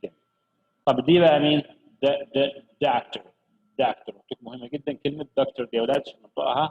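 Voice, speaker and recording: A man leads a children's English lesson in a gravelly, slightly husky voice. He coaxes his pupils along, drawing each word out and saying it again and again. The recording sounds dull and lo-fi. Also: medium pitch. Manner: lively, coaxing, repeats words slowly for pupils. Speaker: English teacher.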